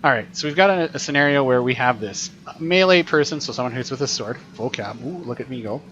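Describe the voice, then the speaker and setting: A man's voice: mid-range voice, animated, fairly quick, a bit bright, highs cut off, a little hiss or hum. A man teaching while he plays a video game, explaining what happens in a chatty way and thinking aloud. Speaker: teacher streaming gameplay. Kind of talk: casual gameplay commentary.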